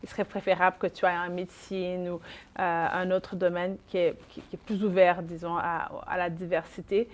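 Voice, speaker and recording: A woman in her forties with a Quebec French accent, a lawyer speaking as a guest in an interview, measured and with frequent hesitations. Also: fairly low pitch, flat delivery. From Haiti. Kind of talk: conversational interview.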